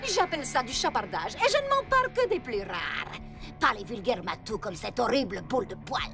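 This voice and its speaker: A woman's voice: a little high, very animated, normal speed, gravelly. An actress voicing a sly, melodramatic woman cat thief in a cartoon dub, gloating and cackling. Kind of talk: French cartoon dub acting. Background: cartoon score music.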